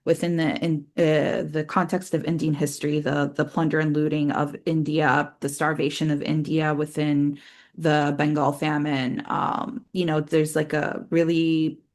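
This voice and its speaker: A woman co-hosting a casual talk podcast, giving commentary in a halting, filler-heavy way. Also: low voice, flat delivery, darkish tone. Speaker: podcast co-host.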